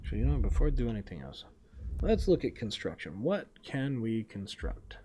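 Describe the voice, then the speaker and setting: A man's voice: medium pitch, sing-song, normal speed, warm tone, a little hiss or hum. A man casually narrating his own gameplay as a streamer, talking to himself with wry, sarcastic asides.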